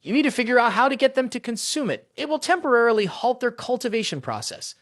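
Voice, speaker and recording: A man's voice: very high-pitched, very animated, quick pace, fairly bright tone, no echo, studio quality, voice pushed up, exaggerated voice. A man voicing a vengeful middle-aged male sect elder in a fantasy story recap, cold and commanding.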